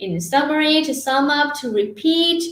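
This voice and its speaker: A woman teaching a vocabulary lesson in a high, light voice, patiently repeating each key word and softening her sentences with polite particles. The sound carries a noticeable room echo. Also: drawn-out words. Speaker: English teacher.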